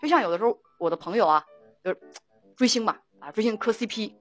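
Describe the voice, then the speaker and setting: A woman's voice: mid-range voice, animated, fast talker, soft background music. A middle-aged woman hosting an emotional talk show, telling stories and acting out both sides of each conversation with repeated words and laughs. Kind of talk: storytelling talk-show monologue.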